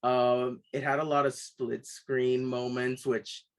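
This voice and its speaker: A man co-hosting a casual film review podcast, animated and quick to act out his own reactions. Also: medium pitch, poor audio. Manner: animated, puts on voices when quoting himself.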